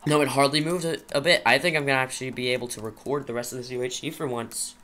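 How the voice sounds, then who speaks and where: A man's voice: mid-range voice, fairly even intonation, fast, bright, forceful tone. A nervous young man rambling to himself while commentating a survival game he is playing. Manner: jittery, rambling, talks to himself. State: nervous, shaky. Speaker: gaming channel host. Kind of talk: Minecraft commentary.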